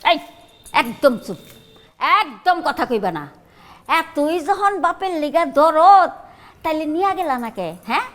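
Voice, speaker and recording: Nasty aunt, high swooping voice. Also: female voice, expressive, unhurried, pauses often. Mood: contemptuous. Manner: contemptuous, scolding. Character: sharp-tongued aunt, contemptuous.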